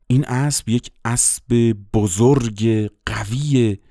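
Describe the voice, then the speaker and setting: A man teaching a lesson on dialects and accents to voice actors, explaining in a lively, teacherly way and asking rhetorical questions. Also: mid-range voice, no echo, studio quality. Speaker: voice-acting teacher.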